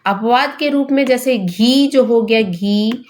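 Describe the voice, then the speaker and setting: A woman teaching a grammar lesson for exam preparation. She asks questions and answers them herself, often tags on a checking question, and slows down to spell out example words. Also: a little high, darkish tone.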